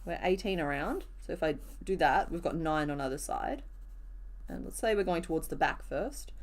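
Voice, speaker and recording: A woman hosts a live crochet stream, her low voice rough and a bit hoarse today. Speaking at normal speed, she's chatty and easygoing, answering viewers' comments as she works.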